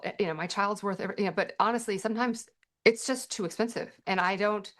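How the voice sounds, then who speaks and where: A woman's voice: on the low side, a bit bright. A middle-aged woman hosting a parenting workshop, answering questions in a chatty way with dry sarcastic asides. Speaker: workshop host and parent advocate. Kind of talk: casual teaching Q&A.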